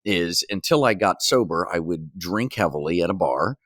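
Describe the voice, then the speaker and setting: A man's voice: low voice, animated, normal speed, fairly bright tone, dry recording, clean studio sound. A man co-hosting a podcast from a hotel lobby, speaking in a casual, blunt, joking and self-deprecating way. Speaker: podcast co-host. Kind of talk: casual banter.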